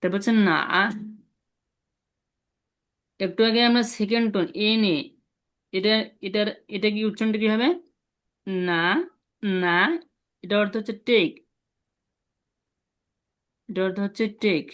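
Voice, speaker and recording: A man teaching an online language lesson, patiently repeating sounds slowly for students to copy over a video call. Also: sits high, fairly even intonation, fairly bright tone.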